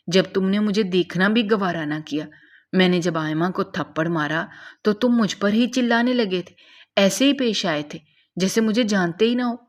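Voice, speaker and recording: A woman narrating a dramatic first-person revenge story in a bitter, emotional manner. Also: fairly low pitch.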